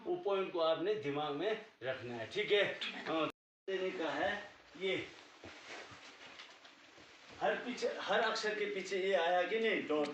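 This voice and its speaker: A man's voice: high-pitched, unhurried, long pauses, fairly bright tone, slight background noise. A man teaching a language class patiently, often checking whether his students follow. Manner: patient, repeats "ठीक है" often, checks understanding. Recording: echoey room, distant mic, dull sound.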